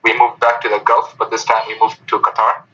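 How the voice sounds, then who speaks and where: Hesitant young man, husky and subdued. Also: on the low side, completely flat delivery, a little fast, sharp tone, soft background music. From Pakistan. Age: young adult. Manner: hesitant, subdued, many fillers. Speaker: guest, former student council president. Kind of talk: casual interview. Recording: dull lo-fi home recording.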